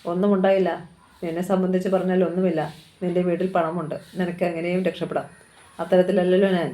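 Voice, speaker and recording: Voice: mid-range voice, flat delivery, fast, mellow, close to an everyday voice. A narrator voicing a desperate, proud young man from a poor family in a storybook thriller reading. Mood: bitter. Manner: pleading, emotional.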